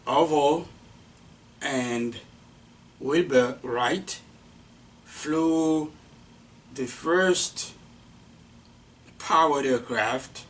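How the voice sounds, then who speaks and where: A man lectures on early aviation, stopping often and restarting his sentences with plenty of fillers. He talks slowly at a middling pitch. The mic sits some distance away and picks up a faint hiss. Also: fairly bright tone. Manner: halting, many fillers and restarts. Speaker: aviation instructor. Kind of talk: unscripted lecture.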